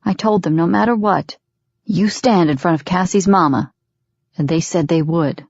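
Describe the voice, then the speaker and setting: A woman reading the part of a rough-voiced, dominant grown man in an audiobook, with clipped, commanding delivery. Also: normal speed, a little mellow, dry recording, lo-fi sound. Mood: gentle. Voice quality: rough, low-pitched. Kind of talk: audiobook character voice.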